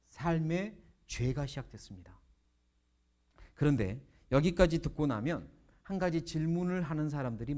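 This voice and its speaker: A man's voice: mid-range voice, a little mellow. A man preaching a sermon, telling a story with rhetorical questions.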